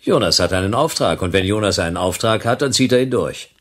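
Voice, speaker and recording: An actor playing a stubborn private detective with a dry, sardonic manner in a radio drama. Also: male voice, on the low side, expressive, brisk, slight background noise, lightly acted.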